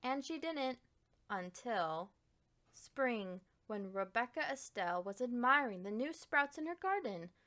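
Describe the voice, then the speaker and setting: Her voice on the high side, a woman reads from a children's picture book. She plays the expressive storyteller, stressing words dramatically and deliberately.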